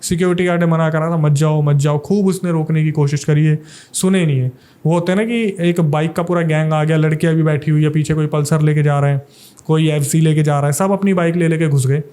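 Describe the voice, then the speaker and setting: A man's voice: a little high, steady tone, brisk, warm tone, clear, resonant tone. A young man from Delhi, a paranormal investigator, telling a suspenseful ghost story in a casual podcast interview.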